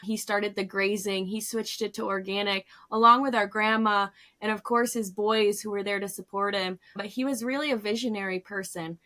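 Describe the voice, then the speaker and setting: A woman's voice: mid-range voice, steady tone, moderate pace, hardly any pauses, bright, forceful tone. An American woman from Northern Pennsylvania telling stories in an earnest, reflective way as an interview guest. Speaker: guest, farm business co-founder. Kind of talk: casual interview storytelling.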